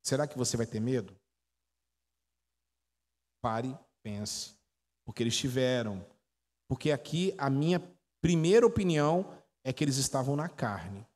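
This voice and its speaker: This mid-range, expressive and slightly mellow voice moves at a measured pace with frequent pauses. It belongs to a Brazilian pastor in his forties, Brazilian Portuguese in accent, who gives a chatty teaching sermon of stories and questions for the congregation in an echoey church hall.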